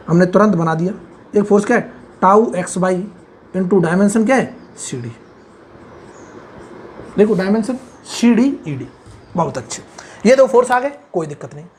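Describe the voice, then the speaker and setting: A man giving a whiteboard engineering lecture. He keeps checking whether everything is clear, repeats key terms and murmurs short asides of praise. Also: high-pitched. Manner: keeps asking if it is clear, praises himself with "very good". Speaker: engineering tutor.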